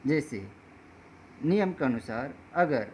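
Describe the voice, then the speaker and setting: A man teaching English pronunciation rules in a slow, patient way, often calling his viewers friends. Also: on the high side, lively intonation, darkish tone, a little hiss or hum.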